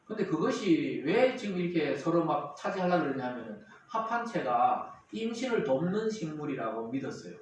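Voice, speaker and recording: A man preaches in a lively, rising and falling voice pitched somewhat high. He is heard from a distance in a very echoey church hall with faint noise. He acts out the quarrels in character voices. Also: moderate pace, hardly any pauses. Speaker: pastor. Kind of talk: sermon. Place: church sanctuary.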